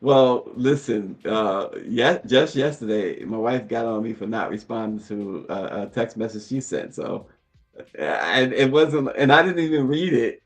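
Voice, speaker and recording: A man co-hosting a casual talk show in a relaxed way, chuckling as he reads out viewer comments. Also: medium pitch, unhurried, soft background music. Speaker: co-host. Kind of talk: casual chat.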